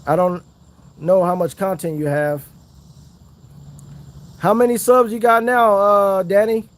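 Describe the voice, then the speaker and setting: A man's voice: sits high, fairly even intonation, unhurried. A man chatting casually on a fishing livestream outdoors, hyping up his viewers. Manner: chatty, hypes up viewers, Southern slang. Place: outdoors by the water.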